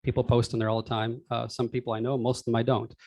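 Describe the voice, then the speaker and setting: A man's voice: medium pitch, little pitch movement, quick pace, darkish tone, no room sound, clean studio sound. A man preaching in a conversational sermon style, in a wry, exasperated, ranting manner. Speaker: pastor preaching. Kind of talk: sermon, conversational with read-out article.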